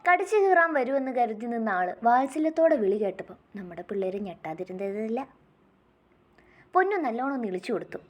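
A woman narrating a love story in a gentle, intimate way, speaking straight to her listeners. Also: fairly high pitch, lively intonation, brisk.

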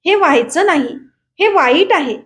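A woman reading aloud as a gentle young widow who pleads softly in a trembling, tearful voice. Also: very high-pitched, lively intonation, moderate pace.

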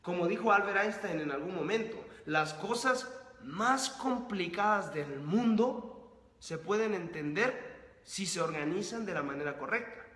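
A man with a high voice delivers an emphatic motivational talk to his audience, stacking rhetorical questions and repeated phrases. His voice carries a roomy echo with a long reverb tail. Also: animated, measured pace, a bit bright. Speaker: host of a book-summary channel. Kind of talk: motivational monologue to camera.

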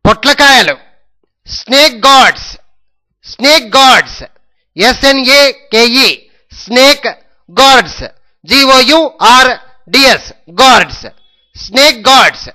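A male English teacher with a Telugu accent, speaking in a very high, bright voice. He moves slowly and patiently, spelling every word letter by letter and repeating it several times so that students can copy it down. His delivery is steady and methodical, like a classroom dictation. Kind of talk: slow spelling lesson in Telugu.

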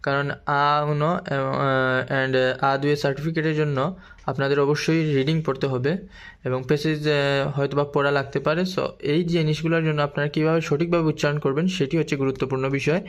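A man teaching a language lesson, mixing in English phrases and repeating syllables slowly for drilling. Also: on the high side, little pitch movement, clean tone. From Bangladesh. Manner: mixes English phrases into explanations.

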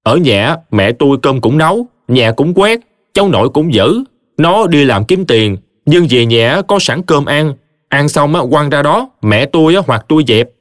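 A man's voice: fairly high pitch, lively intonation, moderate pace, dry recording, clean studio sound, pitched above the performer's own voice, close to an everyday voice. A man voicing a brash, blustering young husband from a village, ranting. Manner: loud, ranting, complaining.

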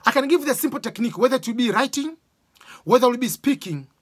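Tanzanian man giving animated advice, husky. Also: very high voice, fast talker. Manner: animated, gestures a lot, uses sports examples. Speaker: education vlogger. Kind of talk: casual advice talk to camera. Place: small room with bookshelves, indoors. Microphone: camera close up, webcam framing.

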